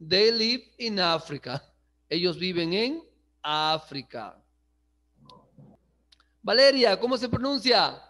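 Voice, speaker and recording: A man's voice: high-pitched, lively intonation, takes it slowly, long pauses, sharp tone. A man teaching an English class online, switching between languages and checking in with the students often. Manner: checks understanding with frequent "¿sí?", chuckles often. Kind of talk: online class, bilingual explanation.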